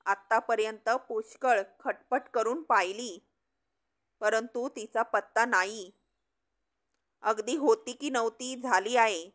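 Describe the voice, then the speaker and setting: A woman's voice: a little high, slow pace, fairly bright tone. Woman voicing a frightened, sighing woman. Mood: frightened, weary. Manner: fearful, sighing. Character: frightened woman keeping the peace between two men.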